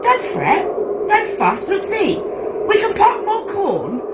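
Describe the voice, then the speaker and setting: A woman voicing a small fretful male mouse in a storybook reading, squeaky and quick. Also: huge pitch swings, full character voice. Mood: soothing. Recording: echoey room, loud traffic noise.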